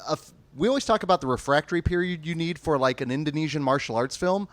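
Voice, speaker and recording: A man co-hosting a casual post-screening chat, earnest and quick to laugh. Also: fairly high pitch, dry recording. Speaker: co-host. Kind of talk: casual post-movie discussion.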